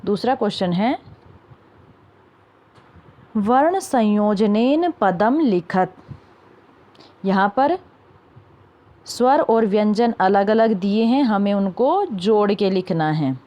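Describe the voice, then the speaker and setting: A young woman leads a children's lesson at an unhurried pace. Her voice is low in brightness and mellow. She drills pronunciation word by word and asks questions that she answers herself. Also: expressive. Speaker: Sanskrit teacher.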